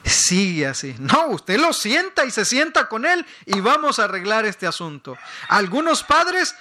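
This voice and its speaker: Pastor guy preaching, high and bright, keeps repeating words and getting loud. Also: big pitch swings, measured pace. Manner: emphatic, rises to loud peaks and repeats words. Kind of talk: sermon.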